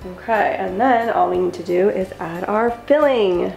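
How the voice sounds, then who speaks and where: A woman's voice: mid-range voice, normal speed, vocal fry, a little mellow, reverberant, soft background music. A young woman vlogger talking through her cooking steps in a chatty, upbeat voice-over. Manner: upbeat, chatty, step-by-step instructions. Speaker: lifestyle vlogger. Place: home kitchen.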